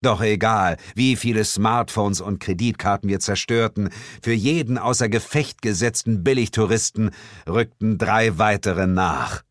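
A man narrates a comic horror story in a low, steady voice. He reads dramatically, drawing out the ominous lines. The recording is dry and close, with no room sound. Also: measured pace, dry recording. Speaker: audiobook narrator.

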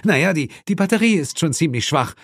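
A man's voice: on the high side, animated, a little fast, a bit bright, no room sound, studio quality, pitched above the performer's own voice. A male narrator voicing a cocky, flippant male ghost hunter full of wisecracks, in an audiobook. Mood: panicked.

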